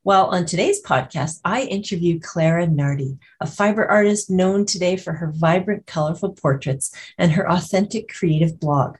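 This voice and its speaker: A woman's voice: on the low side, moderate pace, few pauses, darkish tone, breathy edge. A woman hosting a podcast and interviewing a guest in an upbeat, enthusiastic way. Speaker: podcast host.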